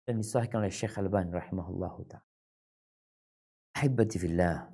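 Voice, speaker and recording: Male preacher, religious talk; recites Arabic lines, then explains them casually; voice swoops high and low, loud to soft. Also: a little fast, husky. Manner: colloquial asides to the audience. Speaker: Islamic preacher. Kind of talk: religious lecture.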